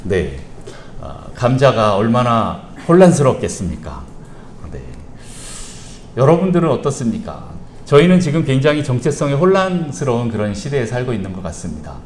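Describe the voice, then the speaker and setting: A man preaching a sermon as pastor in a church sanctuary, telling stories in an animated, playful way. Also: medium pitch, normal speed. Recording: echoey church hall, faint hiss.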